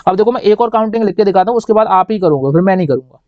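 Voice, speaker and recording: A man's voice: sits high, expressive, racing, dry recording. A man teaching an online maths lesson to children, coaxing them along and quizzing them on what number comes next. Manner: coaxing, keeps asking kids "what comes next, beta?". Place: indoor teaching setup writing with a pen. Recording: dry, dull lo-fi sound.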